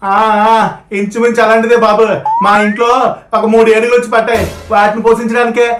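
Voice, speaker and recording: A high-voiced man in a comedy sketch, playing a scolding, exasperated father who talks fast and loud. He was recorded in an echoey room, with steady noise clearly heard behind him. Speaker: comic actor playing a father.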